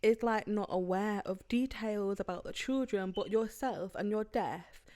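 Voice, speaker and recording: A woman's voice: medium pitch, measured pace, darkish tone. Woman co-host in casual chat. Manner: agreeing, stacks clauses in long run-ons. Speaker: podcast co-host.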